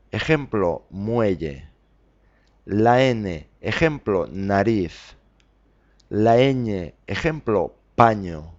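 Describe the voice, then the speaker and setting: A man with a lowish voice teaches pronunciation on his podcast, speaking very slowly and deliberately. He pauses on each example and fills gaps with "eh". The recording sounds a little dull and lo-fi. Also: a little mellow. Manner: slow, deliberate, spells out examples with fillers. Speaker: Spanish teacher podcast host.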